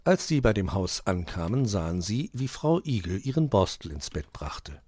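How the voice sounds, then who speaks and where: A man reads a children's story aloud, expressive and lively. His pitch moves a lot, and the recording is close and dry with no room sound. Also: moderate pace, husky, no room sound. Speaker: narrator. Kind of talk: storybook reading.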